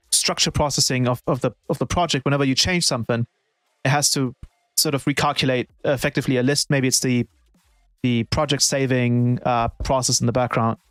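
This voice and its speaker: A man's voice: medium pitch, fairly bright tone, dry recording. A man who produces music, chatting casually on a live stream and thinking aloud with many restarts.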